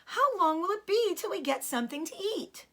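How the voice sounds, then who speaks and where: A woman's voice: extremely high pitch, big pitch swings, normal speed, fairly bright tone, pitched above the performer's own voice, heavily acted. A woman voicing a small, hungry young fox pleading in a children's storybook. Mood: hungry whining.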